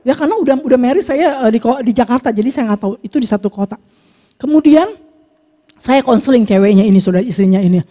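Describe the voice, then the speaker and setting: A woman's voice: on the high side, animated, fast talker, dark tone. A woman pastor giving a conversational sermon, reading scripture and telling everyday stories while often addressing her listeners directly. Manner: casual preaching, keeps addressing listeners as brothers and sisters.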